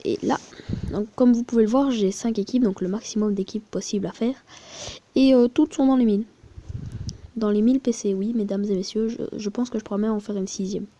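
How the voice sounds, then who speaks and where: A woman's voice: mid-range voice, fairly even intonation, a little fast, warm tone, highs cut off. A woman giving crude, rambling, chatty commentary while showing her mobile game, with muttered asides. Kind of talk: casual screen-recording commentary.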